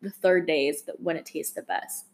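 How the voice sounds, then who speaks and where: A woman from Taiwan chatting casually on a podcast, relaxed and filling her speech with "like". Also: low voice, moderate pace. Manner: relaxed, many fillers of "like". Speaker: co-host. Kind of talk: casual chat.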